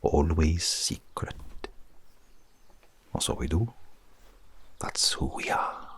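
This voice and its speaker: A man's voice: rumbling low, lively intonation, full character voice. A man playing a sardonic, menacing retired spy in a brooding, whispered role-play monologue. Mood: guarded, secretive. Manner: hushed, brooding monologue, drawn-out phrases. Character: sardonic, menacing retired British spy musing on his secrets.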